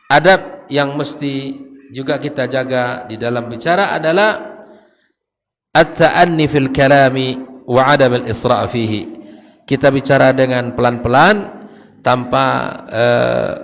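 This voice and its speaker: A man, giving an unhurried Islamic study lecture. He explains Arabic quotes in plain everyday speech and puts questions to his listeners. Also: medium pitch. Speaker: ustadz giving a study talk. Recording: long hall reverb.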